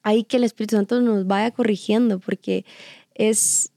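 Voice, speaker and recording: A woman's voice: mid-range voice, steady tone, moderate pace, warm tone, dry recording, studio quality. A woman with a Guatemalan accent co-hosting a faith-based parenting talk, telling family stories in an earnest, conversational way. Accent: Guatemalan Spanish. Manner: earnest, storytelling, quotes inner voice. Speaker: podcast co-host.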